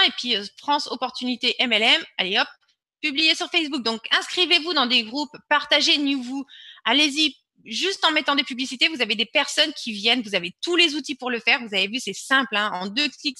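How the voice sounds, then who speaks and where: Woman, high and bright, webinar host demoing her screen, pushes hard and repeats herself. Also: no room sound. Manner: insistent, repeats words for emphasis. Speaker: webinar presenter. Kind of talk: online webinar with screen-share demo.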